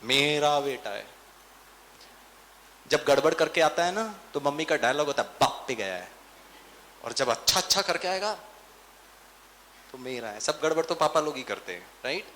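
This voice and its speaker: A man's voice: on the high side, moderate pace, pauses often, slight background noise, rough recording. A man giving a spiritual talk, telling family stories, acting out the people in them and asking the audience questions. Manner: animated storyteller who acts out family members and asks the audience questions. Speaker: spiritual speaker.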